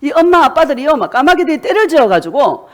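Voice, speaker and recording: A woman pastor preaches with fervent conviction, urging her listeners on and weaving in personal anecdotes. Her voice sits on the higher side and rises and falls dramatically as she speaks. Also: big pitch swings, quick pace. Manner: fervent, exhorting with storytelling asides. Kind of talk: sermon.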